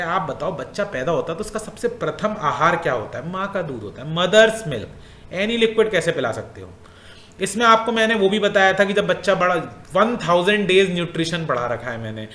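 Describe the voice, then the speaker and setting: A man's voice: a little high, a bit bright, reverberant. A male teacher going through exam questions in a casual way, repeating points and asking the class questions.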